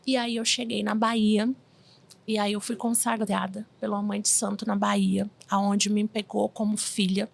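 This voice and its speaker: A Brazilian medium in her forties tells her life story in a casual interview, with a medium-pitched, gravelly voice at a moderate pace. She's an animated storyteller who acts out the voices of the people she quotes.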